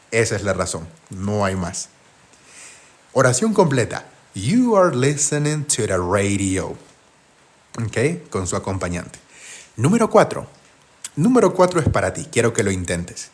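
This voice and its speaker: A husky, lower-pitched man giving a live grammar lesson. He walks through each step by posing questions to his viewers and answering them himself, with a lively, rising and falling delivery. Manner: patient, step-by-step explaining. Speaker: English teacher.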